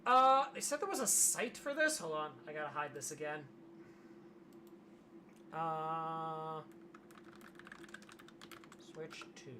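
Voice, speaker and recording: A hoarse streamer in casual livestream commentary, wry and grumbling, reading aloud from a web page. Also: medium pitch, slow pace, long pauses, pushed and bright, a little hiss or hum. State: losing voice, hoarse.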